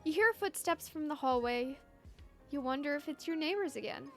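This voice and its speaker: High-voiced woman streamer narrating a game. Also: moderate pace, faint music behind. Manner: expressive narration with playful asides. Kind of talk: reading a story game aloud on stream.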